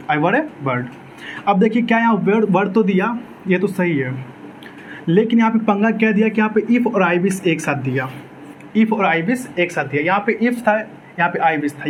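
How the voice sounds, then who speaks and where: A man's voice: high voice, a little hiss or hum, poor audio. A man teaching an exam-prep English grammar lecture, asking his own questions and answering them, repeating key words.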